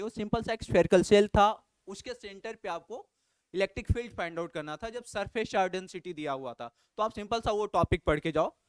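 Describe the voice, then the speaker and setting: A man with a high, smooth voice teaches physics in an emphatic way, circling back to repeat the advice that matters most. The recording is close and dry, with no room sound around him. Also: dry recording. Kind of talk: exam analysis lesson.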